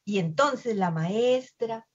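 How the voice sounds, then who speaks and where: Cuentacuentos expresiva, sonido opaco. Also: female voice, a little high, slow pace, dull audio. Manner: expressive, lively. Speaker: storyteller. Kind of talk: children's storytelling.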